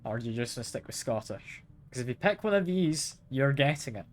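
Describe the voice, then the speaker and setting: A man's voice: medium pitch, lively intonation, fairly quick, slight background noise. Chatty man streaming a game. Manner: chatty, asks chat questions, chuckles often. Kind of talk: casual live gameplay chat.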